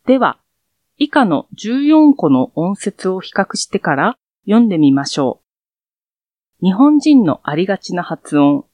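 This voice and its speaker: Lady teacher walking through pronunciation, voice goes up and down a lot, slow and dry. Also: medium pitch, very animated, dark tone, no room sound. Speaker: language teacher. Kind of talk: scripted lesson narration.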